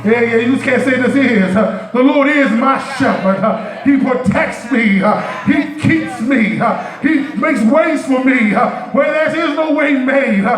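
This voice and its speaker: A man preaching a sermon as a deacon, moving from calm teaching to shouted, half-sung cries and slowly stretched phrases. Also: extremely high pitch. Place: church sanctuary with congregation. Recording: echoey church from far off, with faint music and crowd.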